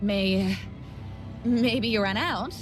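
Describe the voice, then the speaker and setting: A woman's voice: fairly high pitch, sing-song, slow. A woman voicing an exasperated, nervous young female coworker who groans and stutters. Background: music.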